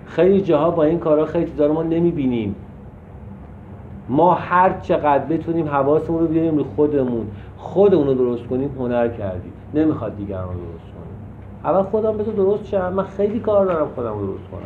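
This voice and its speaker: A man's voice: fairly high pitch, expressive. A man leading a recovery group session, giving firm, blunt instructions with a teasing edge, recorded in an echoey room with muffled sound and faint noise. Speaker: group facilitator.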